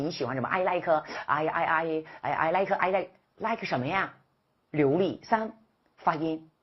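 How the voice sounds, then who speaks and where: A woman with a low, heavily husky voice lectures an exam-prep English class. Her pitch leaps and dips as she fires rhetorical questions at her students and coaxes them to speak up. The classroom recording sounds dull and muffled. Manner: lively, rhetorical questions, scolding and coaxing the class.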